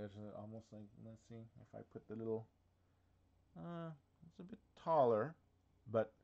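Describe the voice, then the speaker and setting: Speaking a little high with a dark tone over dull audio, this man hosts a diorama workshop walkthrough live from his office. Hiccuping throughout, he chats casually, stumbling through fillers and restarts.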